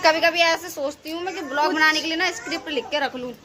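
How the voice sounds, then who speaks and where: A woman's voice: high voice, fast, crowd noise. A young woman, chatting casually and teasingly in a home vlog. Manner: chatty, teasing, laughs often. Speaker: vlogger. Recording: noisy home recording.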